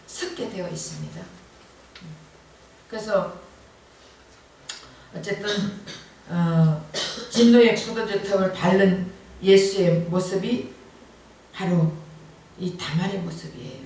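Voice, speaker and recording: A woman's voice: lowish voice, slow pace, long pauses, darkish tone, a little hiss or hum. A middle-aged woman pastor preaching a sermon at a night service, talking earnestly and conversationally, with emphatic rising bursts. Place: church sanctuary at a Friday night service. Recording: very echoey church hall from far off.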